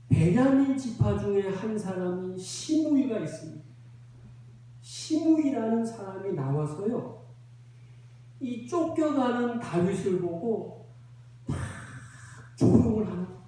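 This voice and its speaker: A male pastor preaching a sermon, telling a story slowly and dramatically with rhetorical questions to the congregation. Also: high-pitched, lively intonation, dark tone, a little hiss or hum. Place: church sanctuary. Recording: roomy church echo, voice from a distance.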